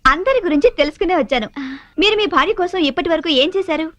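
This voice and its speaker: An actress playing a perky TV anchor who interviews a husband, with English phrases mixed in. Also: female voice, extremely high pitch, lively intonation, quick pace, heavy background noise. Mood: inquisitive. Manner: bubbly, mixing in English phrases. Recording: film audio with music behind.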